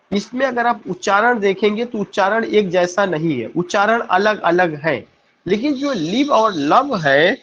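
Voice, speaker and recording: Slow-talking Indian man lecturing, muffled audio. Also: sits high, fairly bright tone, slight background noise. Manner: explains slowly, repeats questions and answers them himself; mixes Hindi with English phrases. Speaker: English literature teacher. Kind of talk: classroom lecture.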